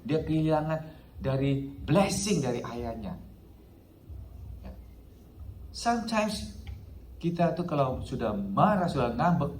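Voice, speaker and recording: A man's voice: fairly high pitch, slight background noise. A male pastor preaching a sermon, dropping English phrases into his talk and punctuating it with a frequent "ya". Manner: mixes English phrases into preaching, repeats "ya" often. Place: church hall. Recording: echoey hall, faint ambience.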